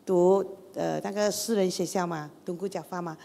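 A middle-aged woman tells her life story as a church testimony, in a chatty way full of rhetorical questions. Her voice has a gravelly edge. Her words ring out with a long reverb in a church hall. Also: fairly low pitch, fairly even intonation, normal speed, warm tone. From Malaysia. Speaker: guest speaker.

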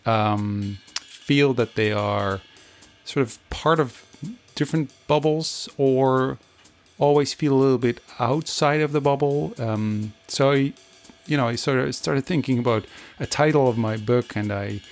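A man's voice: mid-range voice, a little slow, faint music behind. A man hosting a podcast, musing reflectively with fillers as he introduces an interview. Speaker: podcast host.

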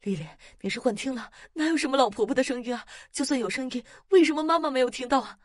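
A woman reading a story voices an anxious mother comforting her child. Her tone is soothing and pleading, a little high and lively, and recorded close and dry. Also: quick pace, no room sound.

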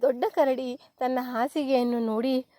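Woman storyteller, unhurried children's story reading, fairly high voice, dry close recording. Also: no room sound. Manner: slow, clear, expressive storytelling.

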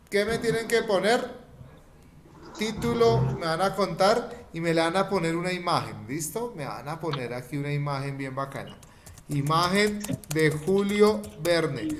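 Slow, patient teacher. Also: male voice, fairly high pitch, background noise. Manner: patient, repeats steps slowly, coaxing. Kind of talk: online class instruction.

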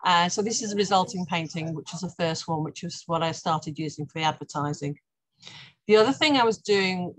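A woman's voice: fairly low pitch, dry recording, low-quality recording. A middle-aged woman, a guest artist talking through her slides on a video call, chatty and often restarting her sentences. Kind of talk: presenting slides in an online talk.

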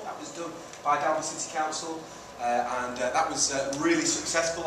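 A middle-aged charity founder from Manchester, England, and Italy gives an informal presentation to a meeting in a community centre room, using short emphatic phrases and rhetorical questions. His voice is fairly high. A distant camera at the back of the room captures heavily echoey, noisy sound.

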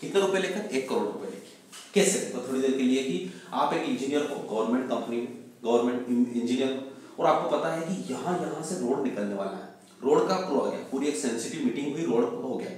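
A man's voice: mid-range voice, lively intonation, a little mellow, distant mic. Man teaching vocabulary in an echoey room. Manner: explains with stories and asks himself questions, then answers; mixes Hindi with slowly spoken English definitions. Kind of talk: classroom vocabulary lesson.

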